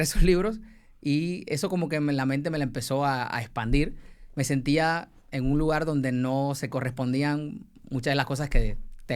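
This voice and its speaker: A man's voice: fairly high pitch, clean tone. Cuban man telling his story, hesitant. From Cuba. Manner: hesitant, many fillers and pauses. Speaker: guest, former biology teacher.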